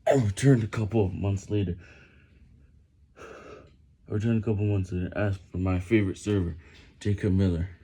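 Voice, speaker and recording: A man's voice: fairly low pitch, fairly even intonation, normal speed, pauses often, dark tone, breathy edge. A man reading a book aloud while doing push-ups, stumbling over and repeating words under the physical effort. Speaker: vlogger reading on camera.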